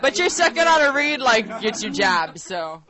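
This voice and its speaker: A woman's voice: a little high, very animated, normal speed, a crowd in the background. A woman in casual chat at an apartment party, crude and teasing and swearing freely.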